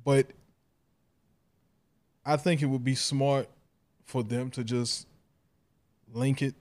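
A man co-hosting a comics podcast, talking in a halting way with restarts. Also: mid-range voice, level tone, a little mellow. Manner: halting, restarts and self-corrections. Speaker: podcast co-host. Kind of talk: casual chat.

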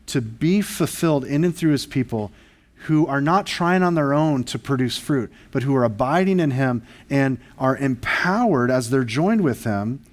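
A male pastor preaching a sermon, earnest and emphatic, asking the congregation rhetorical questions. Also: mid-range voice.

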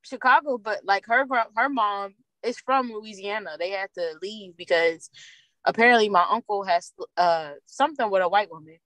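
A woman's voice: mid-range voice, moderate pace, fairly bright tone, dry recording. A woman telling stories in casual podcast chat, laughing often. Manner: chatty storyteller, laughs often.

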